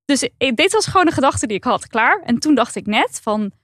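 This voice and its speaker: Outspoken woman podcast cohost, high voice, says what she thinks. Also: animated, brisk, fairly bright tone, no room sound, studio quality. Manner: outspoken, emphatic opinions. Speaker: podcast co-host. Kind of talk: casual podcast chat.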